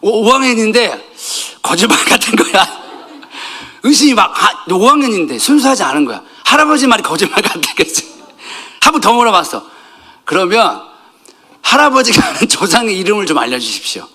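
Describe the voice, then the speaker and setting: Lively, bright-voiced man preaching. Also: high voice, brisk, slightly rough. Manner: animated, swings between loud outbursts and soft asides, jokes with the congregation. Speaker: pastor. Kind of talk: conversational sermon.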